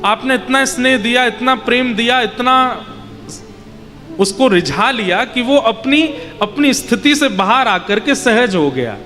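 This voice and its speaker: High-voiced man preaching a devotional sermon. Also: unhurried, big-room sound, faint music behind. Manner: acts out child and mother voices in the story, lively. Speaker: Bhagavat katha preacher.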